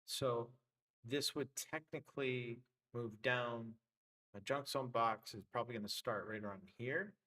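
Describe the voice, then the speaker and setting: Male livestream host with a worn voice, loose filler-heavy chart talk, mid-range pitch. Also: steady tone, measured pace, pushed and bright, rough recording. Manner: loose, thinking aloud with many fillers. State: voice getting worn. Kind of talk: casual live trading commentary.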